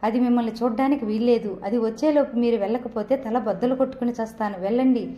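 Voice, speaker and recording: Lady reading as a grieving angry mom, kinda high voice, dull roomy sound. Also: steady tone, fast talker, natural voice. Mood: frantic. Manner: harsh, sobbing pleas. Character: distraught middle-aged mother, stern then grieving.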